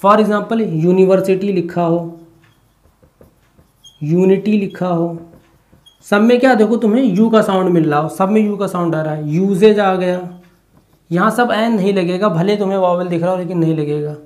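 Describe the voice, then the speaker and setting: A teacher giving an exam-prep lesson, stepping through each point by asking a question and then answering it, and checking in often with a quick "okay". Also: mid-range voice, a little mellow. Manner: asks and answers own rhetorical questions.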